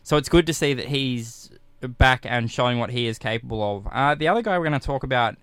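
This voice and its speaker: Smooth-voiced male sports commentator. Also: medium pitch, a little fast, fairly bright tone, no room sound. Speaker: baseball commentator.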